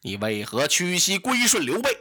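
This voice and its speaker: A man's voice: high voice, huge pitch swings, normal speed, sharp tone, exaggerated voice. A male storyteller voicing a hot-tempered, scornful officer who taunts his foe.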